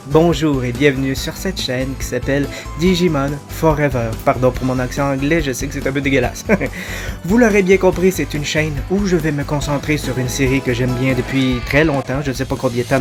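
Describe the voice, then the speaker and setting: A man's voice: mid-range voice, brisk, over music. A man hosting his own reaction video, chatting casually to viewers in a self-deprecating way.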